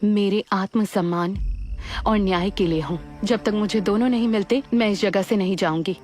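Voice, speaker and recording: Dub role: a woman as a defiant young woman demanding justice, steady mid voice, score underneath. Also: medium pitch, normal speed, soft background music, lightly acted. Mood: impassioned. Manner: firm, impassioned. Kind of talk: Hindi film dub. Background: film score.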